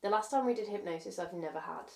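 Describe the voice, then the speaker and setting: A woman chatting casually in a hesitant, halting way. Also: fairly low pitch, vocal fry. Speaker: hypnosis subject. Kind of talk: casual chat.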